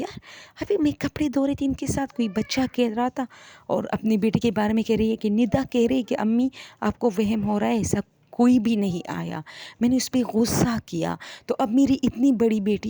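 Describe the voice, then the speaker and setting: A woman casually retelling a ghost story, talking to listeners as friends and dropping to a hushed voice in the eerie parts. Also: medium pitch. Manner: conversational, many fillers, addresses listeners as friends.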